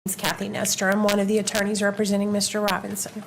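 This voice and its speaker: A woman defense attorney speaks at an everyday middle pitch, questioning in a formal, measured way. Her voice comes through a blown-out courtroom feed that clips and distorts, with plain hiss and noise underneath. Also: completely flat delivery. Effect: clipping, distorted audio feed. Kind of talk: courtroom cross-examination.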